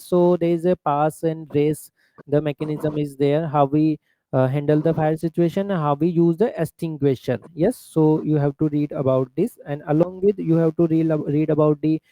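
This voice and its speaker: A man with an Indian accent gives instructive interview feedback in a halting way. His voice is very soft-edged and mellow, slightly high, in a dry recording. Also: steady tone, no echo, rough recording. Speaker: mock interviewer and coach.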